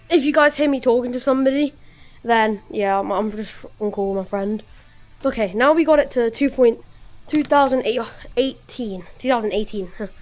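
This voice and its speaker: Female gamer, high voice, heavy breathing from exertion, casual play commentary over game music. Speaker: gamer narrating own gameplay. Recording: music behind the voice. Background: game music and announcer.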